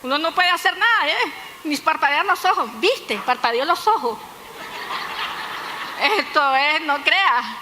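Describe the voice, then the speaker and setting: A woman's voice: sits high, animated, unhurried, long pauses, pushed and bright. A woman pastor preaching a sermon, telling stories with humor and turning to the congregation with asides. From Nicaragua. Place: church hall. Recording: echoey hall with faint noise.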